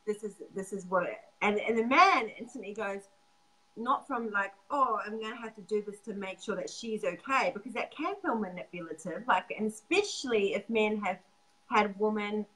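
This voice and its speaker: A woman's voice: mid-range voice, moderate pace, bright, forceful tone, rough recording. A woman hosting a casual chat as a sex coach, laughing often and swearing casually.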